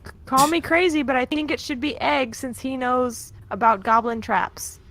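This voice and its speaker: A woman with a high, bright-pitched voice plays in a tabletop game. She talks casually and eagerly, often jumping in with new ideas. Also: steady tone. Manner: eager, quick to jump in with ideas. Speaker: player.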